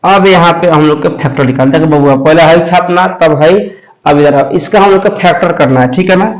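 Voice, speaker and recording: A man's voice: a little high, low-quality recording. A male math tutor, explaining a lesson step by step and checking often that students follow. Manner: slow, repetitive explaining with frequent check-ins. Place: coaching class.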